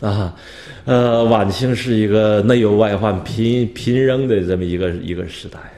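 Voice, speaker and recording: A man's voice: fairly low pitch, normal speed, dark tone. A male history professor gives a storytelling lecture, posing rhetorical questions and chuckling at his anecdotes. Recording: roomy lecture hall echo.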